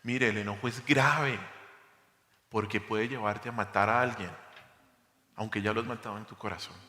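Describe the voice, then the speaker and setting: A man's voice: on the low side, fairly even intonation, moderate pace, sharp tone, roomy sound, long reverb tail. A male pastor preaching an expository sermon, emphatic, asking the congregation rhetorical questions. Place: church hall.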